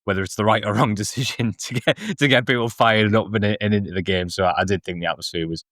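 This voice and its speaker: A man's voice: fairly low pitch, fairly even intonation, fast talker, a bit bright, dry recording, studio quality. A man speaking casually as a guest football journalist, giving his view of a match.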